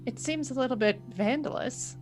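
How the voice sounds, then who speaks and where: A woman's voice: high voice, moderate pace, darkish tone, soft background music. A woman playing a tabletop game, speaking hesitantly and politely about her character's actions. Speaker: player. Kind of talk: casual tabletop role-play.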